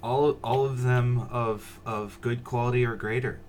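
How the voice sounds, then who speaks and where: A man co-hosting a casual gaming news podcast, joking in a dry, deadpan way. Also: medium pitch, unhurried. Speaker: podcast co-host.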